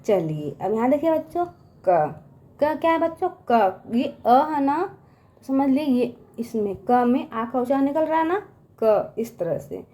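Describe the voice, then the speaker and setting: A woman teaching young children in a coaxing voice, often addressing them and slowly stretching out each syllable as she sounds it. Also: sits high, sing-song, dark tone. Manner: coaxing, repeats "ठीक है" and "बच्चों" often. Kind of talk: children's lesson.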